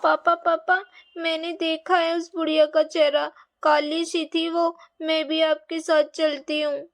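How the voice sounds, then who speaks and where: A woman's voice: extremely high pitch, flat delivery, measured pace. A woman voicing a worried young girl who speaks eagerly and anxiously.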